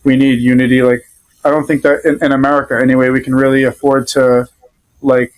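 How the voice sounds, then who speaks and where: Loose and rambling with many pauses, this easygoing podcast guest, a man and adult father with a Rhode Island accent, shares casual conversational stories. His medium-pitched voice barely moves in pitch, and the recording quality is low.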